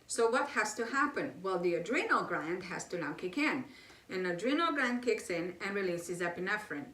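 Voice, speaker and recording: A woman's voice: medium pitch, expressive, moderate pace, a bit bright, reverberant, far from the mic. A woman hosting her own health channel, explaining diet science in a chatty lecture with rhetorical questions and fillers. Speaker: health educator channel host.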